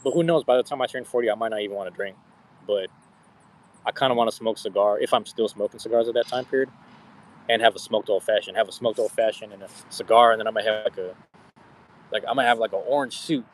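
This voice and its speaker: Talking at a quick pace in a lowish voice, this thirty-something streamer rambles through casual live chat with his audience, full of slang and swearing. The recording is rough.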